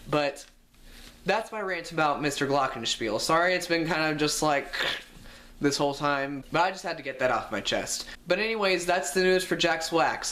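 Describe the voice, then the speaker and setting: A young adult man vlogger with a slightly high, sharp voice tells a storytime rant. He sounds exasperated, and his voice jumps up whenever he gets indignant.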